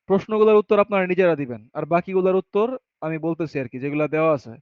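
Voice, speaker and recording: High-voiced man teaching Arabic grammar. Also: fast talker, no room sound. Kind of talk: classroom grammar lesson. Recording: dull, muffled sound.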